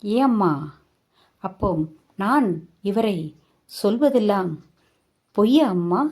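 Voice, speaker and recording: A woman's voice: mid-range voice, slow pace, darkish tone, voice pushed up. A woman voicing a wronged mother who bitterly questions and grieves over her hard life. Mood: anguished. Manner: pleading, anguished questioning.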